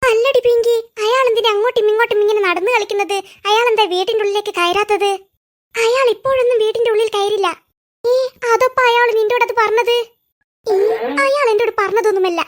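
A woman voicing bickering cartoon children in a comic animation. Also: fairly even intonation. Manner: quick bickering banter in squeaky voices.

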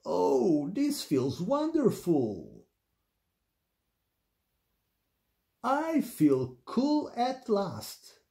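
A high sing-song pig girl, voiced by the reader. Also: very animated, very slow, dark tone, exaggerated voice. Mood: playful. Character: hot, clumsy, cheerful female pig.

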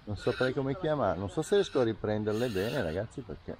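Filmed outside and in a camper with a handheld camera mic, the muffled, noisy audio captures a middle-aged travel vlogger talking casually. He has a lowish, slightly mellow voice that's expressive and fairly quick.

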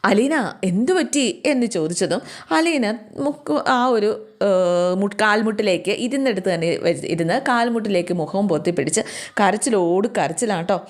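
A woman's voice: medium pitch, animated, fairly quick. A woman retelling a family drama as a chatty oral storyteller who talks straight to her listeners and often restarts mid-word.

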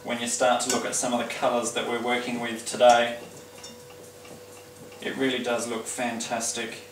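A man's voice: mid-range voice, monotone, moderate pace, noisy background, natural voice. Man playing a genteel lady cooking hostess, roomy kitchen. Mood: poised, instructive. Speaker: cooking show host. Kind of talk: cooking demonstration. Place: indoor home kitchen. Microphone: distant camera microphone. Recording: roomy kitchen, distant mic, clattering dishes.

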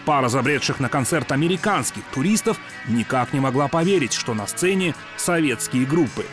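A man giving scripted documentary narration in an even, informative way. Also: mid-range voice, fairly quick. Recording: narration over loud music.

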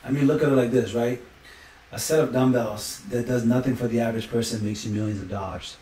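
Male podcast guest, mid pitch, quick and preachy, roomy off-mic sound. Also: mellow, far from the mic, a little hiss or hum. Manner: preachy, emphatic, uses sayings and analogies. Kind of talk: motivational talk.

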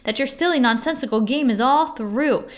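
Bossy storybook kangaroo done by a woman, female, haughty, scolding, snappish, drawn-out emphatic words. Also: sits high, close to an everyday voice. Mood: threatening.

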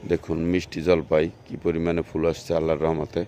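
A bass-voiced man speaks briskly in a completely flat, dark-toned delivery, with a faint hiss or hum behind him. As a nursery video host with a Bangladeshi Bengali accent, he casually walks through an outdoor nursery, pointing out plants in a repetitive, salesy way.

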